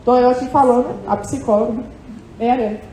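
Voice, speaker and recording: High-pitched woman giving a seminar in an echoey hotel hall, warm dark tone, lively. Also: moderate pace, a little hiss or hum. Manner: animated, lively, questioning "tá?" tags. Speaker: psychologist speaking at a condo managers' event. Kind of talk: live seminar talk. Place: hotel event hall with audience.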